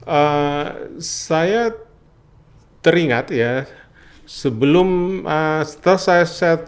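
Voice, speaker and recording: A man being interviewed as a library official, speaking in a halting way with many fillers and repeated phrases. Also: fairly high pitch, animated. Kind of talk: conversational interview.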